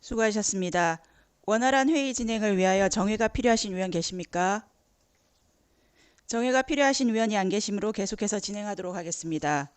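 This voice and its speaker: A woman's voice: medium pitch, brisk, smooth, dry recording. A woman chairing a local council committee meeting, using formal procedural phrasing.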